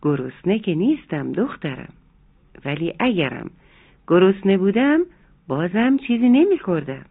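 A narrator voicing a gentle, loving mother in a children's story, explaining calmly and tenderly. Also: medium pitch, creaky, husky, exaggerated voice. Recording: narrow phone-like sound, faint music.

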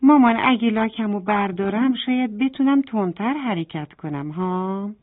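A woman's voice: mid-range voice, natural voice. A woman voicing a curious, restless young boy turtle in a bedtime story, with a wistful, pleading manner. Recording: tinny phone-like sound.

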